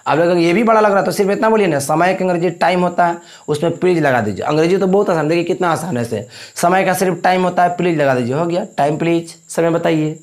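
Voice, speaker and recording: A man's voice: fairly high pitch, quick pace. A man teaching a spoken English lesson in Hindi. He explains step by step, repeats points and keeps checking in with his students. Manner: repetitive, explaining with frequent check-ins.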